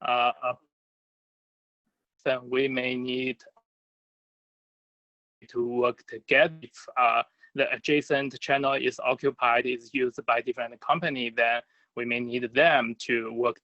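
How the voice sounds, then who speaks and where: A man answering a conference question over a video call, talking haltingly with many fillers while his connection breaks up and drops out. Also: mid-range voice, little pitch movement, sharp tone, no echo, lo-fi sound. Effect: breaking-up, dropping video call audio. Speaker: researcher presenting his work. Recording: choppy distant video call line.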